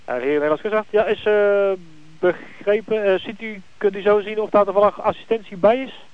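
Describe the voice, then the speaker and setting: Coast guard operator over crackly radio. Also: male voice, high-pitched, a little fast. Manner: formal call-and-confirm phrasing with frequent hesitations. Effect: crackly radio transmission. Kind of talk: marine radio procedure. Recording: tinny radio with static hiss.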